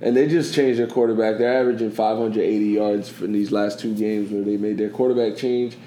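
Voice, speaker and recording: Steady and fairly quick, his low, dark voice rambles through a casual sports podcast he hosts, frequently tossing in "you know what I'm saying." Echo and faint background noise fill the recording.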